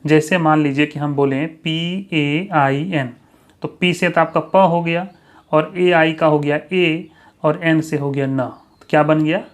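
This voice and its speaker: A man runs a pronunciation lesson at an unhurried pace. He draws out each example and says it again and again. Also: fairly high pitch, fairly even intonation. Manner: slow, drawn-out, repeats each example. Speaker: English pronunciation teacher. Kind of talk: spoken classroom lesson.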